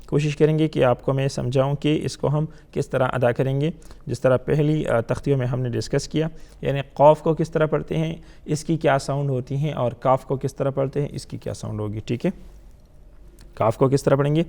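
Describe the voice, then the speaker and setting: A man teaching Quran reading, who slowly draws out each letter and then chants the syllables loudly, and often clears his throat. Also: medium pitch, steady tone. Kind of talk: slow spelled-out teaching drill.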